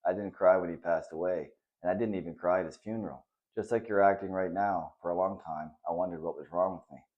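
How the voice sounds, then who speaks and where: A man reading the part of a kind, patient father who talks softly and reassuringly to his son in a children's story. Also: sits low, steady tone, fairly quick, muffled recording, close to an everyday voice. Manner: soft and reassuring.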